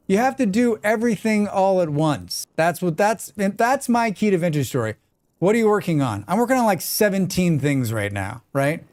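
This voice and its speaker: A man with a General American accent rambles casually during a live game stream, talking back to his chat. His voice is a little high with a darkish tone, recorded dry.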